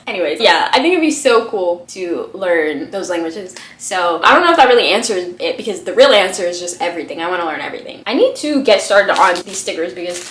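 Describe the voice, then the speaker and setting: A woman's voice: on the low side, very animated, fairly quick, a bit bright, reverberant. A woman in her twenties from Florida, chatting in a bubbly, rambling way as a YouTuber, filling her talk with "like". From Florida, USA. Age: 20s. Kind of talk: casual chatty vlog.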